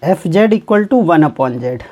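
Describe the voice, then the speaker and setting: A male maths teacher with a warm, mellow tone gives a recorded exam-prep lecture. He keeps firing little questions at his students and answering them himself. When he reads out a formal definition, he slows to a careful word-by-word pace. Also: a little high, lively intonation. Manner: asks and answers its own quick questions; repeats key points, often says "ठीक है". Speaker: mathematics teacher.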